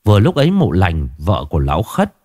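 A man's voice: low voice, huge pitch swings, brisk, a little mellow, no room sound, studio quality. A man narrating a horror story in a dramatic, scripted style.

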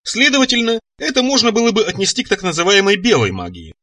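A man's voice: sits high, lively intonation, fast, pushed and bright, no echo, voice pushed up, full character voice. A man as a fussy, nervous scholar. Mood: hesitant. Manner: pedantic, hesitant. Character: fussy middle-aged male scholar, nervous.

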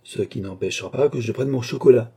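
A man reading an audiobook who voices a lively, playful young queen with an exuberant manner. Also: fast talker, creaky, breathy edge. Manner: exuberant, raised pitch.

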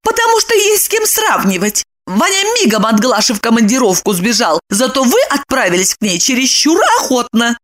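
A shrill, high and jealous woman, as a female audiobook narrator puts her on, leaping far up in pitch with sharp accusing bursts. Her voice swings widely from phrase to phrase, hot and indignant. Storybook character acting. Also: big pitch swings, a little fast, hardly any pauses.

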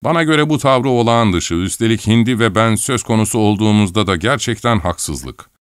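A man's voice: on the low side, lively intonation, fairly quick, smooth, no room sound, studio quality, pitched above the performer's own voice, natural voice. A man voicing a polite, deferential male office clerk in an audiobook.

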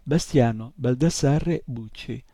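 A man doing a shy, quiet little boy. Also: mid-range voice, slow pace, no room sound, lo-fi sound. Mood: timid. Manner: quiet, hesitant. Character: shy, timid young boy.

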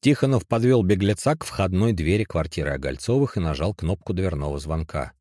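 A man reading a detective audiobook in an expressive, varied narration. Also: deep voice, fairly quick, no room sound, clean studio sound.

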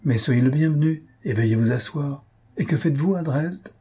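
A man's voice: mid-range voice, moderate pace, warm tone, slightly rough. A man reading aloud and voicing a witty young countess with a teasing, playful manner in a storybook. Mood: surprised teasing.

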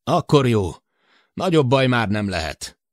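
A man voicing a joking male spaceship crewman stuck in the dark, chatty and teasing. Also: mid-range voice, big pitch swings, no room sound, clean studio sound, voice pushed up, lightly acted.

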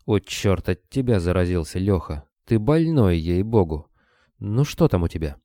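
A man voicing a worried, wary bearded man who talks anxiously and gets excitable. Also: deep voice, normal speed, dry recording, studio quality.

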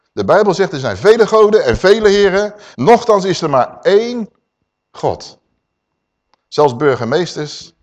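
A man preaching a sermon to a congregation, animated and full of rhetorical questions. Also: fairly high pitch, muffled recording.

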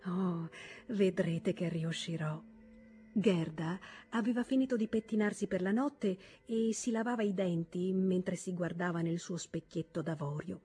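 A woman reading a classic novel aloud in a measured, expressive audiobook narration. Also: mid-range voice, husky. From Italy. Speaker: audiobook reader.

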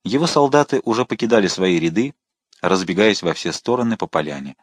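A man narrating a historical adventure audiobook in an expressive, dramatic manner. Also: fairly low pitch, a little fast, no room sound. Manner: expressive, shifting to voice the characters.

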